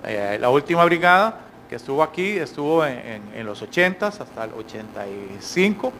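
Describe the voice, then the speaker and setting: A middle-aged man speaking on an academic panel into a handheld mic in a conference hall, measured and hesitant, often checking with the audience. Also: medium pitch, very animated, fairly bright tone, slight background noise. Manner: measured, frequent hesitations, rhetorical tag questions.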